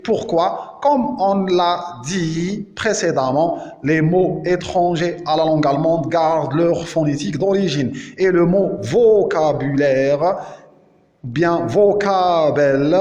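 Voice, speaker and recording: A man with an Algerian French accent giving a slow, deliberate pronunciation lesson as a teacher, repeating each word several times. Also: a little high, darkish tone. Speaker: language teacher. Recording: echoey hall with long reverb.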